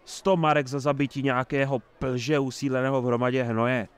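A man's voice: mid-range voice, flat delivery, clean tone, close to an everyday voice. A man doing a sly jovial old mayor. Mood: sly, hearty. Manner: effusive, sly and talkative. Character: jovial scheming male town mayor, older.

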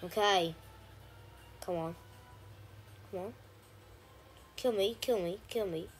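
A woman giving casual gameplay commentary, chatty with frequent ums and sudden excited shouts. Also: mid-range voice, takes it slowly, faint music behind. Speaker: gaming channel host.

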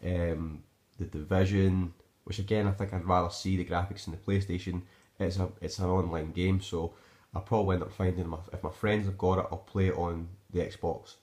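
With a steady, low-pitched, slightly mellow voice at a moderate pace, a Scottish-accented amateur reviewer talks through a gadget in a casual, rambling, hesitant way without a script. The roomy sound comes from his home living room, captured on a handheld phone camera.

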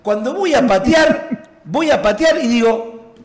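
Animated Argentine man telling a story. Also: very high voice, a little slow. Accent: Argentine Spanish. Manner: animated, laughing often. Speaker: guest, former footballer. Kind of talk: storytelling anecdote in conversation. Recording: roomy echo.

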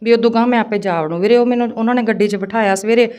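Punjabi woman guest, quick earnest storytelling, smooth clear voice. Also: fairly high pitch, mellow. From Punjab, India. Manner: fast, earnest storytelling, often addressing the host as brother. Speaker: interview guest recounting work abroad. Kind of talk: emotional personal account in casual Punjabi.

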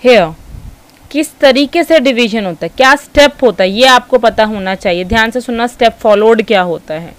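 A woman with an Indian accent teaching a school science class, mixing Hindi and English, dictating notes slowly and reminding students to listen carefully. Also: on the high side, dry recording, poor audio. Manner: slow, dictating notes word by word, switching between Hindi and English.

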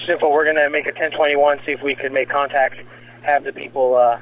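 A man's voice: fairly high pitch, flat delivery, a little fast. A man speaking as a police officer in clipped, coded procedural talk over a police two-way radio. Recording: muffled lo-fi scanner radio, faint noise.

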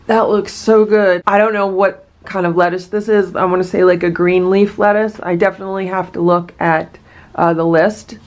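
Speaking at a normal pace with a steady tone and fairly low pitch, this female vlogger unpacks a farm box at home. Her talk is casual, chatty, and eager, scattered with plenty of side comments.

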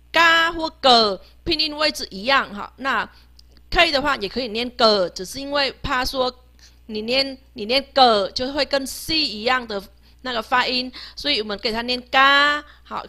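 A woman teaching a beginner language lesson, patiently sounding out each letter slowly, three times over, and ending her phrases with a soft "ha". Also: high-pitched. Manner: ends phrases with a soft "ha" tag.

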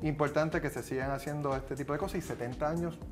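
A man co-hosts a TV segment, talking fast and brisk. His voice sits at a middle pitch. Clear music plays under him. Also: steady tone. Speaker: TV co-host. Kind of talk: TV interview.

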